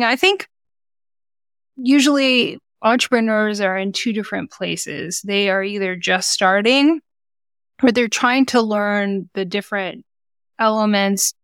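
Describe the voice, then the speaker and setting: A woman's voice: medium pitch, smooth, dry recording, studio quality. A woman speaking as a guest in a podcast interview, explaining her coaching work for mothers in an earnest, encouraging way. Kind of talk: conversational interview.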